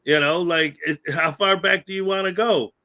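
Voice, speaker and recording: This man hosts a podcast in loose, casual chat, with a tone that has a bright, forceful edge. He sits a little higher than most men in pitch. He rambles, piles on fillers and laughs often. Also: fairly even intonation, normal speed. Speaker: podcast host.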